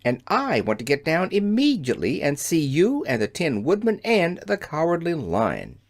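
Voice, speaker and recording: A reader voicing an eager young girl who calls out and pleads in a high, excited voice, in an audiobook. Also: normal speed. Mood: eager pleading. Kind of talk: audiobook character voice.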